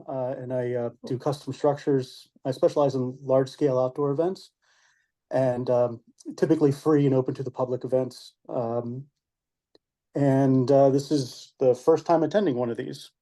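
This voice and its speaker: Mellow-voiced man on a video call. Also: mid-range voice, moderate pace. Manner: relaxed, hesitant with fillers. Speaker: production manager. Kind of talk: casual self-introduction.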